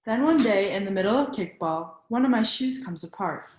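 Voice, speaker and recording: A woman reads a children's picture book like a teacher, instructive and pausing to question her young listeners so they follow along. Her mid-range voice has lively intonation and a darkish tone, captured in a roomy, low-quality recording.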